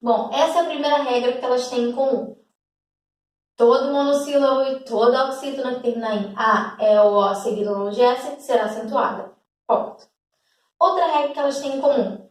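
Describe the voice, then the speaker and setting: A woman's voice: high-pitched, moderate pace. A woman teacher with a Brazilian accent, giving a grammar lesson patiently and often checking that students follow. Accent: Brazilian Portuguese. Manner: patient, repeats examples, checks understanding with "tá?". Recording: echoey room, voice from a distance.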